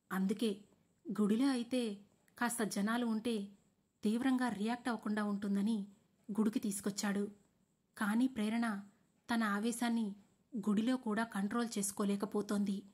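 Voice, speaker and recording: A woman narrating a drama story in a steady, measured reading style. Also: mid-range voice, breathy edge.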